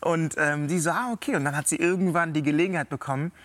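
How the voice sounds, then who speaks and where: A man's voice: fairly high pitch, quick pace, a bit bright. A man from Germany, a studio guest, telling a story in casual chat with many fillers and restarts.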